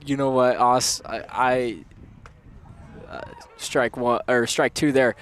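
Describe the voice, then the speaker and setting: A man calling live college baseball play-by-play from a ballpark press box, fast with his calls and quick to laugh. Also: medium pitch, steady tone, a little hiss or hum. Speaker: play-by-play commentator.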